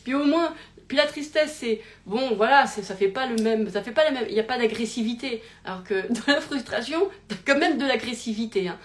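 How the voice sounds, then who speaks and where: A woman hosting a live talk, theatrical and animated, swinging from loud exclamations to low mutters, laughing often and interrupting herself. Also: fairly quick. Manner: laughs often, many fillers and self-interruptions. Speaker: host of a live self-help talk. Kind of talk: casual live-stream monologue.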